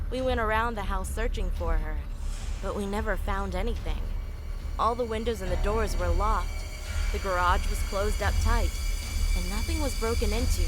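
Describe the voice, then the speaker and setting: Female narrator, scripted horror story, mid pitch, music bed.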